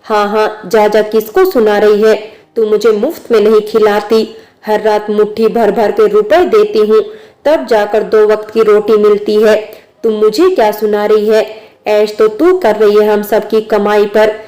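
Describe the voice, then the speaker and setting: A sharp-tongued young woman, read by a woman narrator talks back with defiance. Her voice stays flat and even, in a plain storybook reading. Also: medium pitch, unhurried, close to an everyday voice. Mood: defiant.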